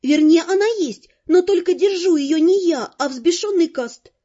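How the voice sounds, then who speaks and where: A woman narrating an audiobook in the first person, lively and expressive, over faint music on a dull lo-fi recording. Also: very high voice, normal speed.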